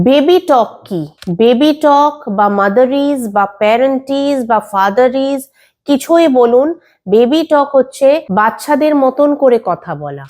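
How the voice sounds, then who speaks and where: A woman speech and language pathologist with a Bengali accent, explaining children's speech development to parents in a clear, instructive way. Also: high voice, a little mellow. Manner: clear, instructive, mixes English terms into Bengali. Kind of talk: explaining to parents on a video channel.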